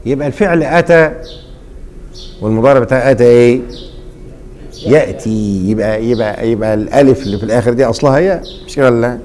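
Egyptian guy teaching grammar, keeps asking the class to finish his sentences, mellow warm tone. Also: medium pitch, fast, long pauses, a little hiss or hum. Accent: Egyptian Arabic. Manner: quizzing, leaves blanks for students to fill.

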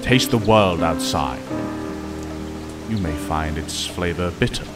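An actor plays a wise older professor in an audio drama. His very deep voice is grave, formal and persuasive. Loud music and rain sit behind the speech. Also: takes it slowly. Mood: earnest, persuasive.

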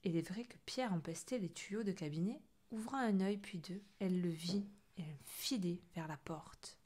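A woman tells a children's story with lively expression. She reads as a storyteller and shapes each line for young listeners. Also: fairly low pitch, normal speed. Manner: expressive, animated reading.

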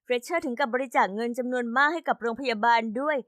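High-voiced woman narrating a story. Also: fast, fairly bright tone, no room sound, clean studio sound. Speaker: narrator voicing all characters.

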